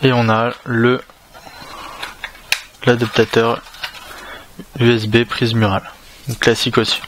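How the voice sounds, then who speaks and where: A French-accented tech reviewer talks through an unboxing at a relaxed, unhurried pace in a medium-pitched voice. His commentary is casual and hesitant, full of fillers and restarts, with noise in the background.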